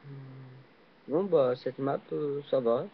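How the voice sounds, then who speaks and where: A young man casually commenting while he plays a video game, hesitant and full of fillers, with sudden excited yelps on jumps. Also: medium pitch, slow pace, slight background noise. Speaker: gaming channel host. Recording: dull lo-fi recording.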